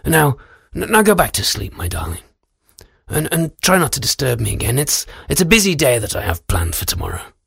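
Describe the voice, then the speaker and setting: A man's voice: mid-range voice, very animated, brisk, gravelly, a bit bright, breathy edge, dry recording, studio quality, heavily acted. A man voicing a tired king who stammers and soothes his daughter with mild impatience. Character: weary fussy old king, doting father.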